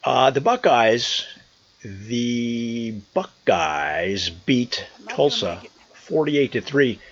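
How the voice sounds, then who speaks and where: Animated American man vlogging, slightly husky. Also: mid-range voice, extremely slow, highs cut off. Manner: amused, chuckling conversational storyteller. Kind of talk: casual chat, storytelling. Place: outdoors on a trail.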